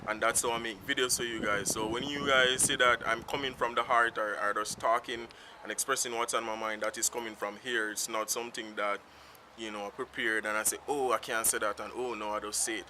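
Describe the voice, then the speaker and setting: Speaking fairly quickly in a low-leaning, steady voice that's bright and forceful, a Jamaican-accented vlogger whose first language is Patois rambles unscripted to a self-filmed camera. He's outdoors in town in the sun, with faint street traffic in the background.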